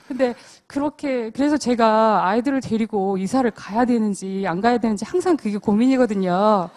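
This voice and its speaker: A woman's voice: a little high, normal speed, a little mellow. A woman in her forties, a housewife, asking politely and a bit hesitantly for advice. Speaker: questioner, housewife.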